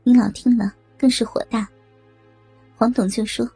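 A woman narrating a story in a steady, even storytelling voice. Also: on the high side, normal speed, breathy edge, no room sound, faint music behind, rough recording. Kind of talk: audio erotic story narration.

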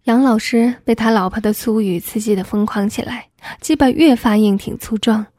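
A woman narrates a story in soft, steady tones. Her voice is husky and somewhat high, and the recording is dry and close. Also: normal speed, dry recording. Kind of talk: reading an adult story aloud.

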